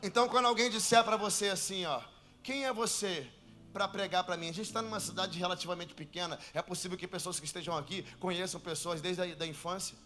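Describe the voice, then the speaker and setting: A Brazilian man with a high voice preaches from a church pulpit. He tells his story and then climbs into shouted, sing-song preaching. A faint band plays behind him. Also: fairly even intonation, fast, few pauses, soft background music. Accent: Brazilian Portuguese. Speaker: pastor. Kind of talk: sermon.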